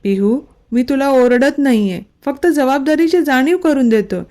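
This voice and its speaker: A woman reading a storybook, voicing a young husband who talks calmly and patiently, gently scolding and loving. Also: high-pitched, normal speed, natural voice.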